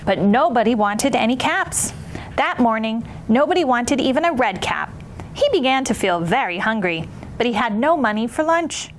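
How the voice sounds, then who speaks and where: A woman with a fairly high, very animated voice presents and reads stories to children. She is playful and theatrical, like a kids' entertainer speaking straight to her audience. There is faint noise behind her. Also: moderate pace. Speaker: children's storytime host. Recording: clear background noise.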